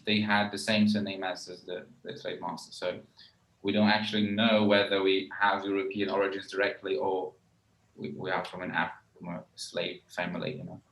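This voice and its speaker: Brazilian guy, lowish voice, chatty and hedgy, roomy echo on it. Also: fairly bright tone. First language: Portuguese. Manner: thoughtful, hedging with frequent "like" and "you know". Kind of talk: casual group discussion. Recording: echoey room.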